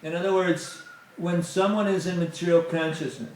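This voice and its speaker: In a very echoey temple hall, a middle-aged guest speaker at a satsang delivers a chatty spiritual talk full of "you know" asides. His high-set voice has a darkish tone and fairly even intonation at normal speed, with slight background noise.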